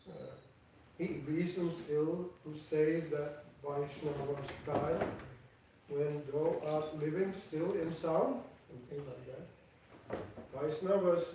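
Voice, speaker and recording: An older Danish-speaking devotee gives a personal tribute as an offering speech, talking slowly and haltingly and often restarting mid-phrase with repeated words. His voice is a little mellow and sits slightly high for a man. He sounds far from the mic in a very echoey temple hall with slight background noise.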